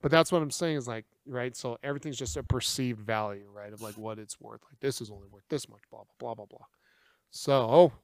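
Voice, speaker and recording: A young man on a casual podcast who rambles loudly and works himself into mock outrage. His voice sits at a middle pitch and is recorded close and dry, with no room sound. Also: fairly quick, no room sound. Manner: loud, rambling, exaggerated outrage. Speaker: podcast co-host. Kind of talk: casual chat.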